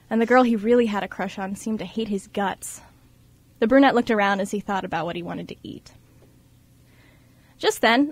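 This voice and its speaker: Speaking casually in a radio studio, a young woman serves as board operator and narrator for a student show, reading scripts aloud. Her voice is medium-pitched, with no echo.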